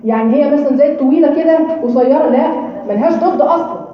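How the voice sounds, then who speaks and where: A woman's voice: high voice, racing. A woman with an Egyptian accent teaching recitation, explaining patiently, demonstrating letter sounds and checking understanding. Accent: Egyptian Arabic. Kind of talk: informal lesson explanation. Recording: echoey, distant, dull room recording.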